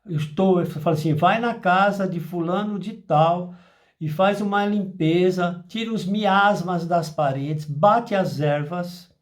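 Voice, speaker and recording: A man's voice: high-pitched, measured pace. A man giving an informal spiritual lesson, acting out little dialogues as he explains. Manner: animated, acts out dialogues in asides. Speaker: spiritual therapy teacher.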